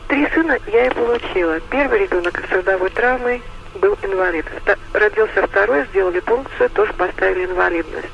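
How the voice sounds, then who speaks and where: A woman's voice: medium pitch, fairly quick, creaky, a little hiss or hum. Woman caller on a muffled phone line. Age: 40s. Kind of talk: phone-in call to radio.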